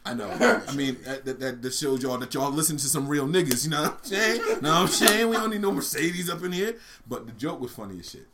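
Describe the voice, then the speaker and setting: A man's voice: on the high side, quick pace, few pauses, a little hiss or hum. A man on a casual talk show, telling a long joke with lots of laughs and shrieking voices. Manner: animated, laughs a lot, shrieks during voiced parts of jokes.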